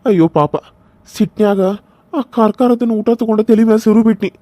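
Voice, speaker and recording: Actor voicing a remorseful hot-tempered cartoon husband. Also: male voice, high voice, a little fast, mellow, dry recording, lightly acted. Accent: North Karnataka Kannada. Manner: pleading, apologetic, worried. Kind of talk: cartoon serial voice acting.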